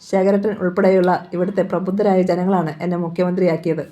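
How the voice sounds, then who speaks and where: A woman's voice: fairly low pitch, little pitch movement, fast, mellow, close to an everyday voice. A woman reading the part of an arrogant male chief minister, smug and threatening, in a storybook reading. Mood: menacing.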